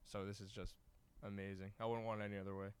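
A man's voice: on the low side, flat delivery, quick pace, clean tone, dry recording, studio quality. A young American man, a college soccer player from New York, answering interview questions casually in a locker room. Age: young adult. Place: indoors in a team locker room.

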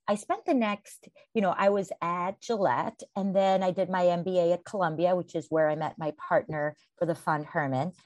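A woman from Costa Rica, a venture capital founder, answering interview questions in a measured, storytelling way. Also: on the low side, dry recording. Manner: measured storytelling with occasional fillers.

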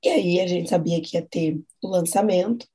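Nervous Brazilian woman rambling, mellow husky voice. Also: fairly low pitch, moderate pace. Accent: Brazilian Portuguese. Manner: emotional, rambling, nervous laughter. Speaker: podcast co-host. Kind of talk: casual conversation.

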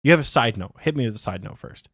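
A man's voice: medium pitch, lively intonation, fast, gravelly, a bit bright, no echo, studio quality. A young adult man co-hosting a podcast with slangy, playful banter in casual chat. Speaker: podcast co-host.

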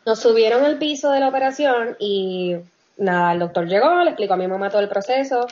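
Lively woman telling a story. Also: fairly high pitch, fairly quick. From Puerto Rico. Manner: animated, laughs often, mixes in English phrases. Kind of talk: casual storytelling chat. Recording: dull lo-fi audio.

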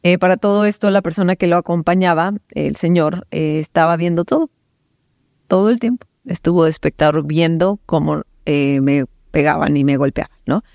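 A woman's voice: deep voice, moderate pace, vocal fry, a little mellow, no echo. Mexican woman recounting an ordeal. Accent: Mexican Spanish. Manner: rambling, filler-heavy, emphatic repetitions. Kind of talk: recounting a personal experience.

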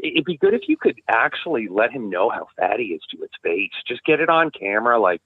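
A man's voice: mid-range voice, sing-song, fast, slightly rough. A man calling in to a live show over the phone, chatting casually and teasing. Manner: joking, admiring. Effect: heard over the phone. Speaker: caller. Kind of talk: casual call-in chat. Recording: tinny phone line.

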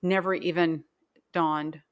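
A woman's voice: sits low, fairly even intonation, slow pace, no room sound, highs cut off. A woman guest speaking as an earnest, encouraging hypnotherapist in conversation, repeating phrases for emphasis.

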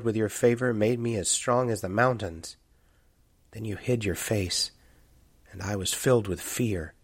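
A male priest reading psalms and introducing the readings in a calm, steady way. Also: medium pitch, no echo, clean studio sound. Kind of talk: scripture reading.

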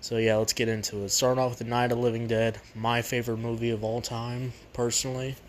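A man's voice: medium pitch, little pitch movement, quick pace. A man hosting a casual, unscripted movie review, rambling and repeating himself, recorded on a poor makeshift microphone. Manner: rambling, repetitive. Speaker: movie review show host. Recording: cheap makeshift mic, noisy background.

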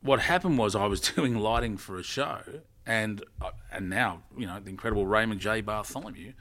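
A man with an Australian accent chatting in an interview as a former warm-up comedian, telling jokes animatedly. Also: on the low side, brisk. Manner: animated, joke-telling raconteur. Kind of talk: casual interview chat.

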